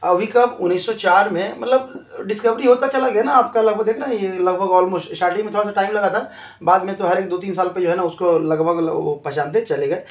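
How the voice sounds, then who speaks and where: A man's voice: sits high, brisk. A male teacher lecturing a class, who asks questions and then answers them himself, going back over each key term several times. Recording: echoey room.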